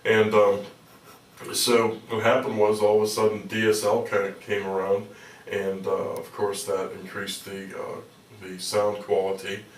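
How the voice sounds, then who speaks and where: A middle-aged American man speaks as a guest in a conversational interview. His voice is low with little melody, and he rambles haltingly with dry humor. He sounds distant from the mic in an echoey room. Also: monotone. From Pittsburgh, United States. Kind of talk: conversational radio interview storytelling.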